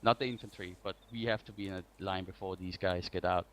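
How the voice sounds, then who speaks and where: A man's voice: low-pitched, steady tone, fast, a bit bright. A man giving an informal tactical briefing as an instructor, hesitating and repeating points for emphasis. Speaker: instructor of armored vehicle drills. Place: online game voice chat. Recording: faint noise with clicks.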